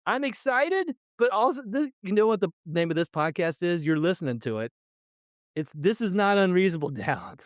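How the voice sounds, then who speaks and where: A man hosting a sports podcast, talking excitedly in a rambling, self-interrupting way and laughing often. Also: sits high, normal speed, dry recording, studio quality. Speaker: podcast host. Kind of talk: excited casual sports talk.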